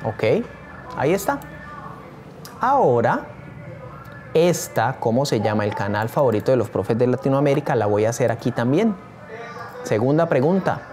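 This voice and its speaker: Upbeat teacher. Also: male voice, medium pitch, very animated, normal speed, long pauses, a little mellow, soft background music. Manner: enthusiastic, addresses viewers directly. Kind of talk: screen-share tutorial.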